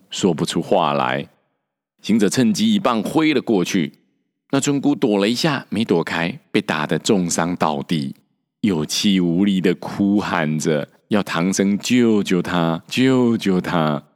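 Deep-voiced male storyteller, slow, for children. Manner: slow, deliberate telling.

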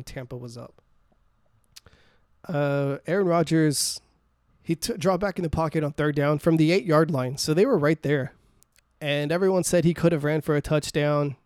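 A man's voice: a little high, steady tone, normal speed, a little mellow, clear, resonant tone, no room sound, studio quality. A man co-hosting a podcast, chatting casually about sports, blunt and teasing, swearing freely. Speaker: podcast co-host.

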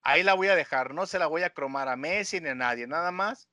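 A man's voice: on the high side, a little fast, sharp tone, no echo, clean studio sound. A man with a Mexican accent hosting a podcast in casual, slangy banter. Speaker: podcast host.

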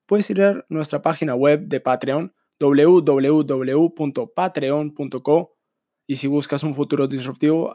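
A man hosting a technology podcast, reading a scripted introduction of his guest in a slightly raised voice. His delivery is even and measured. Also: fairly high pitch. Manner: hesitant fillers when asking questions. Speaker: podcast host. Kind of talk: scripted intro then interview questions.

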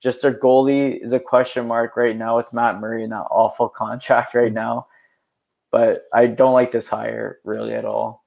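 A man's voice: mid-range voice, flat delivery, normal speed, creaky, a little mellow. Rambling young man on a sports podcast. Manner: rambling, frequent "like" fillers. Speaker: podcast co-host. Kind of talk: casual sports chat.

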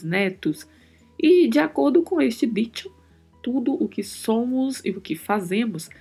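A woman hosting a language-lesson podcast, explaining meaning and pronunciation slowly and carefully, repeating words as drills. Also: medium pitch, darkish tone, slightly rough.

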